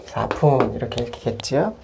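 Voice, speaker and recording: A woman math tutor explains each step patiently, the way she would with a student. Her voice sits extremely low and has a gravelly, creaky edge. Steady background noise runs under the recording. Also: normal speed. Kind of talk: worked-example lesson.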